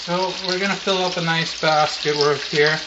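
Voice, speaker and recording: A man's voice: fairly even intonation, moderate pace. A man in his thirties chatting casually as host of a home cooking vlog, in a loose, rambling, laid-back stoner manner. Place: home kitchen, indoors. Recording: roomy, muffled camera audio with frying noise. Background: sizzling deep fryer.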